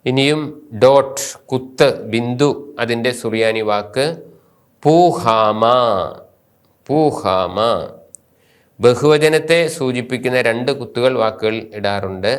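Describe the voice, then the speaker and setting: A man with a Malayali accent, a priest teaching a slow grammar lesson who spells out letters and terms one at a time and repeats each term. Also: mid-range voice, clean tone.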